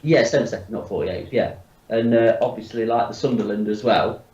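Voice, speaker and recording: A man's voice: fairly low pitch, brisk, a little mellow, lo-fi sound. Echoey, distant man on a call. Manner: chatty, opinionated, lots of fillers. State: blocked nose. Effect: echoey room sound, voice far from the mic. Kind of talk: casual group chat on a video call. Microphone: computer mic on a video call.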